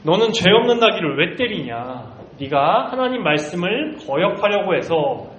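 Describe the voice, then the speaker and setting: Guy doing a stern angel, slow and firm, echoey room, a little muffled. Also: sits high, big pitch swings, fairly bright tone, slight background noise. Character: stern angel of the Lord, commanding. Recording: roomy, slightly muffled recording.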